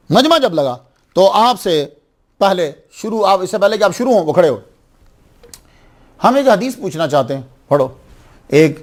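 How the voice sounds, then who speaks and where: A man preaching a sermon, passionate, asking his listeners questions and rising to loud exclaims. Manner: impassioned, rising to high exclaims, addresses audience with questions. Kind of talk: Urdu religious sermon.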